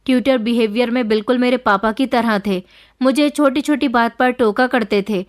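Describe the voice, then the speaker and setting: Woman narrating a story, slightly high voice. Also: normal speed. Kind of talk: scripted first-person story narration.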